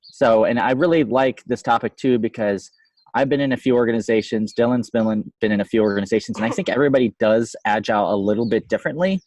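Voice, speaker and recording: A man's voice: mid-range voice, quick pace, a little mellow, no room sound. A man co-hosting a casual podcast discussion, his voice slightly fuzzy and distorted from too much microphone gain. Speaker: podcast co-host, software developer. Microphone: close microphone with gain too high.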